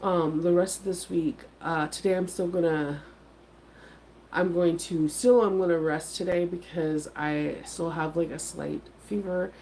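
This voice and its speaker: In a lowish, dark voice with vocal fry, a middle-aged woman with a head cold sounds congested as she chats casually to her viewers in the morning. She's a vlogger and craft vendor, and her talk is rambling, steady in tone, a little slow, and packed with fillers. The low-quality recording carries a bit of hiss or hum.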